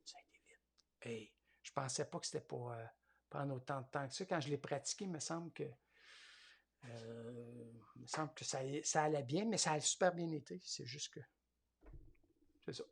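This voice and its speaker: A man's voice: mid-range voice, normal speed, creaky, pauses often, husky. A man with a Quebec French accent teaching a tablet class, hesitant and thinking aloud as he demonstrates step by step. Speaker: tablet course instructor.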